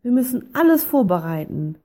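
A woman's voice: fairly high pitch, sing-song, normal speed, warm tone, voice pushed up. A woman doing an eager little storybook pig. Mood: excited.

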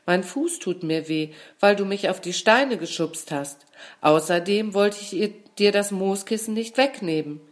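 Woman playing a small girl caterpillar in a storybook, curious, gentle, earnest. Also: medium pitch, a little slow, pitched above the performer's own voice, lightly acted.

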